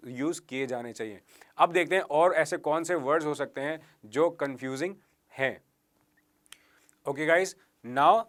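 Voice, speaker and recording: Slow, spelling-out male teacher. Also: a little high, a bit bright. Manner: explains slowly, spells words out letter by letter; mixes Hindi and English, addresses viewers as guys and friends. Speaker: English teacher. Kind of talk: exam-prep vocabulary lesson.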